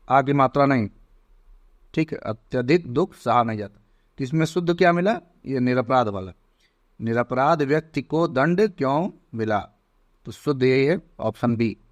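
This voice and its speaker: A man teaching an exam prep lesson, slowly spelling out words one by one. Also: medium pitch.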